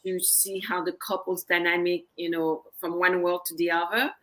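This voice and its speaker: Bright-voiced woman guest, earnest and gentle. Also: lowish voice, flat delivery, moderate pace. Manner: earnest, gentle, repeats phrases. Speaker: guest psychologist. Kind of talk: casual interview chat.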